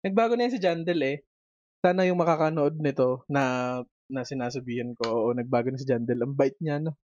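A man's voice: medium pitch, fairly quick, darkish tone, no room sound, lo-fi sound. A young Filipino man co-hosting a podcast, teasing his friends, laughing often and repeating his jokes. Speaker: podcast co-host. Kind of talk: casual chat.

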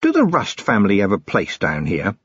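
A man's voice: lowish voice, huge pitch swings, fairly quick, a bit bright, slightly rough, no room sound, highs cut off, heavily acted. A man playing a weary, sarcastic policeman in bed talking with his wife, in an audiobook. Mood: wry. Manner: dry, sarcastic. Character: weary, sardonic policeman husband.

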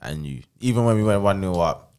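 A man's voice: sits low, expressive, fairly quick, darkish tone, clear, resonant tone. A young man with a London roadman accent, grumbling and repeating himself in slangy football chat as a podcast co-host. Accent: London, urban street slang style (roadman).

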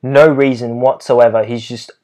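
A young Australian man co-hosting a laid-back podcast, his voice at an ordinary middle pitch. He tells stories with lively energy and acts out what people said. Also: moderate pace. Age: young adult. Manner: animated storytelling, acts out quotes. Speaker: podcast co-host. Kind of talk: casual chat.

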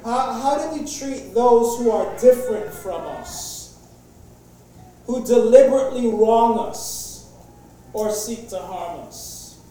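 A man delivers a sermon in an easygoing, conversational style, opening with jokes and stumbling through many fillers and restarts. His extremely high-pitched, mellow voice moves slowly and sounds far away, heavily echoing as if recorded in a large church hall. A little hiss or hum is also audible.

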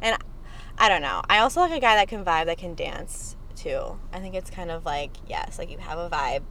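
A woman's voice: on the low side, lively intonation, moderate pace, bright, forceful tone, a little hiss or hum, low-quality recording. A young woman co-hosting a podcast from inside a car, chatting casually in a joking, profane, rambling way. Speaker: podcast co-host. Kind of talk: casual chat.

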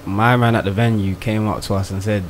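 A man's voice: lowish voice, fairly even intonation, brisk. A young man with a south London accent, answering casually in a group interview as a brand co-founder. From Croydon, south London, England. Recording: faint background noise.

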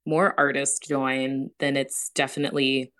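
A community member chatting casually in an online Q&A, telling a short story in a relaxed way. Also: mid-range voice, measured pace, clean tone. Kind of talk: casual conversation.

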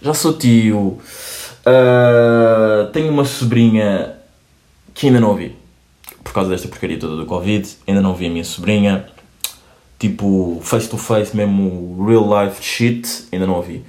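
A young man with a European Portuguese accent hosting a casual comedic monologue, joking, swearing and throwing in quick asides. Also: low-pitched, dark tone. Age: young adult. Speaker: host. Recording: roomy echo.

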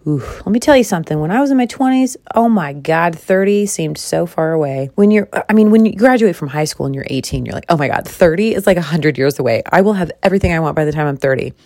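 A woman's voice: quick pace, few pauses, dry recording, studio quality. A woman in her mid-thirties hosting a podcast, talking through a personal decision in a candid, sassy monologue with dramatic jumps in her voice. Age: 30s. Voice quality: expressive, dramatic pitch jumps. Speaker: podcast host.

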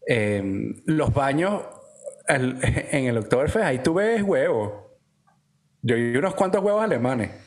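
A man, co-hosting a podcast, telling stories in a relaxed, slangy way with frequent restarts. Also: medium pitch, a little slow. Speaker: podcast co-host. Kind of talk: casual chat.

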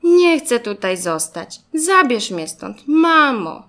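A woman voicing a scared, stubborn little boy car in a children's storybook, with a high, whiny, pleading voice. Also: expressive, takes it slowly, fairly bright tone, exaggerated voice. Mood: crying. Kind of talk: storybook reading.

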